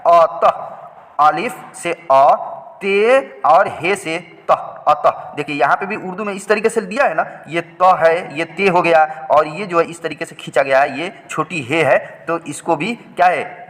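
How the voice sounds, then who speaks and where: A man's voice: a little high, unhurried, a bit bright, big-room sound. A man teaching reading and writing, explaining each letter patiently and repeating every point.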